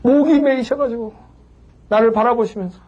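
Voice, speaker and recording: A man preaching in Korean, telling a personal story with animated swings from hushed to crying out, acting out the voices he quotes. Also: very high voice, moderate pace, highs cut off. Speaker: pastor and lecturer. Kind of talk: sermon-style storytelling lecture.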